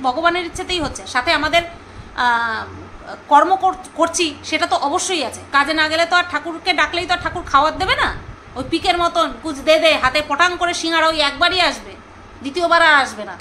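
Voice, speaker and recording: Woman, casual vlog chat, gossipy, forgets names aloud, high pitch, bright tone. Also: fast talker, a little hiss or hum, low-quality recording. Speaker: vlogger reviewing a serial.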